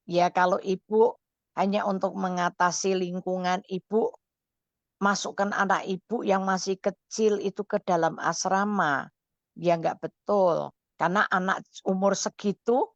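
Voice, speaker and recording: A woman counselor on a radio call-in show, giving motherly advice in a lively, caring way. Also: medium pitch, no echo, lo-fi sound.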